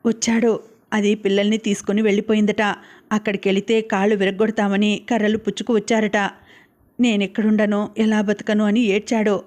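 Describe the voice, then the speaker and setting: An elderly grandmother in an audiobook story, grieving and pleading through halting, tearful words, acted by a woman narrator. Her voice stays level and narrow in pitch. She talks at a middling height. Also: little pitch movement, darkish tone, lightly acted. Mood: sorrowful.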